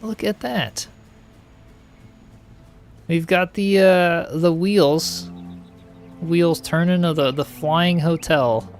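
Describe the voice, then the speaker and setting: A man's voice: fairly high pitch, very slow, pauses often, faint music behind. A man streaming a game live, chatting in an upbeat way with plenty of laughs and filler words. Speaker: game streamer reacting to builds. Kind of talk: casual live-stream commentary.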